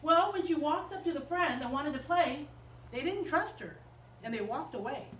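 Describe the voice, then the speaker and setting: A woman telling a story to children in a chapel, animated and asking them questions as she goes. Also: sits high, normal speed, reverberant, recorded from a distance, a little hiss or hum, rough recording. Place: chapel room.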